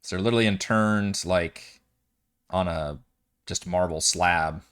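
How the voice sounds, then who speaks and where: A man's voice: sits low, unhurried, a bit bright, clean tone. A man running a tabletop game as game master, narrating casually.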